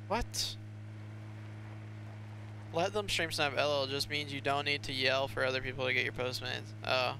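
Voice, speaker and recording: A man's voice: medium pitch, steady tone, moderate pace, vocal fry, long pauses, bright, forceful tone. Male streamer, joking gamer chatter, noisy game audio. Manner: joking, bickering with teammates. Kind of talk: gaming voice chat.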